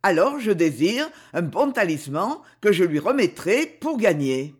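A man's voice: high-pitched, big pitch swings, measured pace, slightly rough, full character voice. A man reading the part of an eager, timid male dwarf servant in an audiobook, talking in a flustered way. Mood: earnest. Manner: flustered, stammering.

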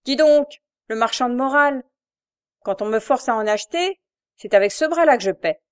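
A woman voicing a big lazy bully of a brother, loud and mocking, in a storybook reading. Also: fairly high pitch, lively intonation, unhurried.

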